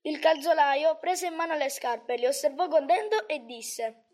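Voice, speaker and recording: A woman narrating a Christmas storybook in a calm, measured manner. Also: high voice. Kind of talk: storybook reading.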